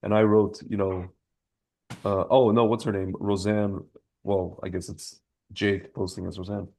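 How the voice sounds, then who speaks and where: This male podcast host has a fairly low, gravelly voice heavy with vocal fry, with little pitch movement, a measured pace and a darkish tone. He's casual and opinionated, rambling in slangy sentences and often doubling back on phrases or abandoning them midway.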